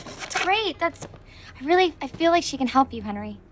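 Drama friend, eager bubbly young woman, high voice, very lively intonation. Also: moderate pace, loud music behind the voice. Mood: eager, prodding.

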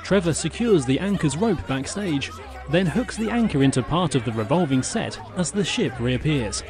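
A man's voice: fairly high pitch, animated, normal speed, crowd noise. A man giving scripted, matter-of-fact audio description of action in the present tense.

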